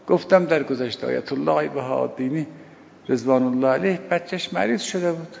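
An older man giving a sermon on a prayer, telling stories emphatically, repeating key phrases and swinging between loud and hushed delivery. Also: fairly high pitch, vocal fry. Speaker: religious teacher. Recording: dull lo-fi recording with long hall reverb.

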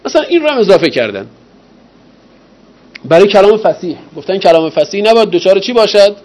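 A man gives a university lecture on rhetoric and poses questions to the class, asking rhetorical ones and answering them himself. His pitch and loudness are lively, and he slows down for emphasis. The recording is slightly dull with faint ambient noise.

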